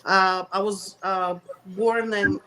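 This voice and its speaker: Speaking with a Russian accent, a middle-aged interview guest from Russia, Soviet Union, answers casually but haltingly, searching for words in English. Her medium-pitched voice is slightly bright with fairly even intonation, over a little hiss or hum.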